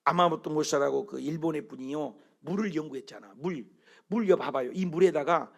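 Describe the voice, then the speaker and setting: A man's voice: a little high, brisk, vocal fry. A middle-aged man preaching a sermon as pastor, telling stories with animation and throwing questions at the congregation.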